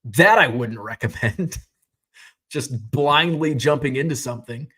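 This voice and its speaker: A man's voice: medium pitch, unhurried, pushed and bright, husky. A man in his thirties, a sports card seller, telling a casual personal story in a rambling, self-correcting way with the odd chuckle. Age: 30s.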